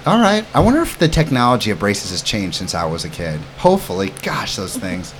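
A man's voice: fairly low pitch, huge pitch swings, brisk, a little hiss or hum. A man hosting a podcast in an informal, chatty, upbeat way, casually interviewing children. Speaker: podcast host, summer camp owner.

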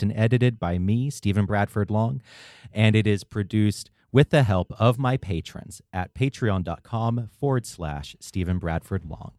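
Low-voiced chatty male podcast host. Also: a little mellow, no echo, clean studio sound. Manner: chatty storytelling, swears casually. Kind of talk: casual interview chat.

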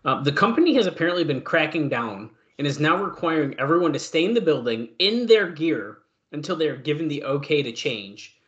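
A man's voice: fairly high pitch, big pitch swings, fairly quick, hardly any pauses, a bit bright. A man co-hosting a podcast, chatting and commenting on a wrestling match in a casual, conversational way. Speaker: podcast co-host watching wrestling. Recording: dull lo-fi sound.

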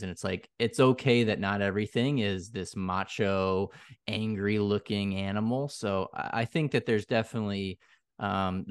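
A man explains things conversationally as an interview guest. His voice is low and clear, and the sound is dry and free of room echo. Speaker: interview guest, logo designer.

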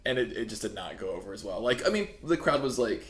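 A man in a band, chatting in an interview in an animated, rambling way with laughs and restarts. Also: mid-range voice, quick pace, crowd noise. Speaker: touring band musician, guest. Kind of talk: casual interview chat. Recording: roomy echo.

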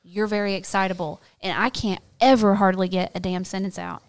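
A woman in her thirties trades playful jabs as a podcast co-host, chatty and combative in good fun. Her voice sits at an ordinary middle pitch, speaking close to a podcast microphone at home. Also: fairly even intonation, fairly quick, smooth. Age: 30s. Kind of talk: casual banter. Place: home, on a couch.

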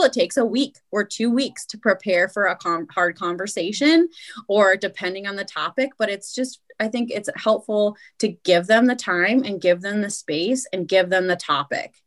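A woman guest explains her view in an easygoing podcast chat. Her voice sits at a middle pitch, and she talks earnestly, tucking "like" and "right?" between her points.

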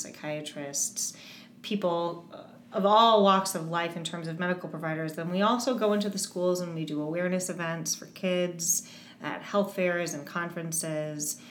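In a casual interview, an eating disorder advocate speaks earnestly and encouragingly about her work, often restarting sentences. Her voice is fairly low and even, a little slow, and the recording is reverberant with a bit of hiss or hum.

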